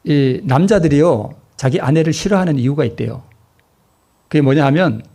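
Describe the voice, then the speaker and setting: Pastor guy preaching, husky voice, kinda high, keeps asking the crowd stuff then answering it. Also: a little mellow. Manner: asks the congregation questions and answers them himself; repeats key phrases for emphasis. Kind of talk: sermon.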